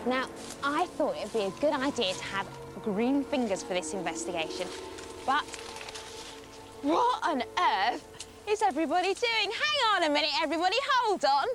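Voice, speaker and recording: A woman's voice: high-pitched, sing-song, moderate pace, over music. A young woman presenting children's science on location, outdoors among greenery. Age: young adult.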